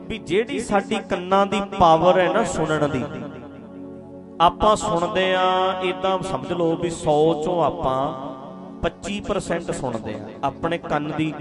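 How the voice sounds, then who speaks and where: A woman giving a spiritual teaching talk. She explains patiently, repeats her phrases and addresses her listeners directly. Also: on the low side. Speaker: spiritual speaker. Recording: music playing behind the voice. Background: music.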